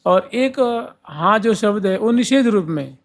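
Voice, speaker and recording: Devotional speaker, male, high and unhurried, explains and chants verses. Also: animated. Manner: slow, explains verses line by line, sings some lines drawn out. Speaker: devotional storyteller.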